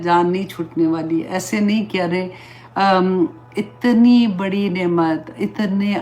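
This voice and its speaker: A woman religious teacher gives an earnest talk to her followers, mixing English words into her speech and reciting Arabic prayers slowly. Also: medium pitch, a little hiss or hum.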